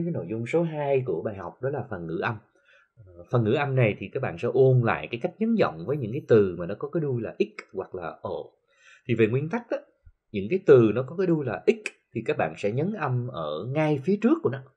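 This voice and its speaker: A man with a Southern Vietnamese accent teaching an English lesson, explaining slowly with many filler sounds and reading English examples carefully. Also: mid-range voice, very animated, warm tone, husky, lo-fi sound. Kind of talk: recorded classroom lesson for TV.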